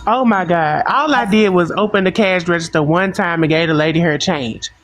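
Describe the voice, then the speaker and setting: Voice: moderate pace, background noise. A caller playing a fired employee in improvised comedy, protesting indignantly. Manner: indignant, pitch jumping up in protest. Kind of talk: improvised comedy role-play.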